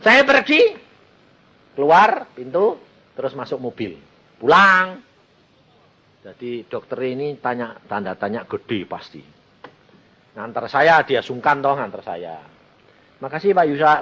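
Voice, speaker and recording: Animated, lively-voiced male preacher, muffled recording. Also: medium pitch, a little slow, long pauses. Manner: animated, acts out dialogue in the story. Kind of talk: storytelling sermon.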